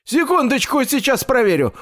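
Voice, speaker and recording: A man voicing a fussy, chatty male tailor who rambles excitedly. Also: very high voice, normal speed, pitched above the performer's own voice, heavily acted. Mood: excitable, chatty.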